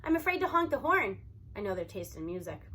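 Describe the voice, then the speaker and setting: With a husky, medium-pitched voice and a quick pace, a woman reads a story aloud in the first person. Her delivery is expressive and animated, with emphatic stresses.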